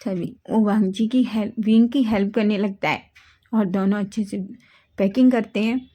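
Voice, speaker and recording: A woman's voice: mid-range voice, steady tone, normal speed, mellow. A woman narrating a fan fiction story in a casual, conversational way.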